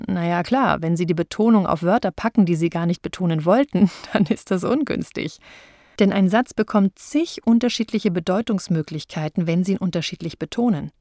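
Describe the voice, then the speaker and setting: A woman speech coach giving a voice training lesson, speaking clearly and deliberately, and slowing down to show how words are stressed. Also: fairly low pitch, darkish tone, no echo, studio quality. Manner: clear, deliberate, demonstrates stress with slowed example sentences.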